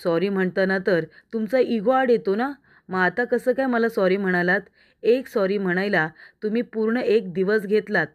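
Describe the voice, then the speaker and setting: A woman reading the lines of a sharp-tongued young wife who scolds her husband with pointed questions, in a story recap. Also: mid-range voice, natural voice. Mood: reproachful. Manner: reproachful, rapid-fire questions.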